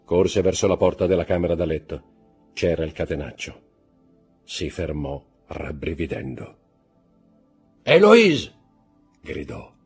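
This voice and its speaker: A man reading a classic novel aloud as a dramatic, measured audiobook narrator. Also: a bass voice, little pitch movement, dark tone, husky, faint music behind.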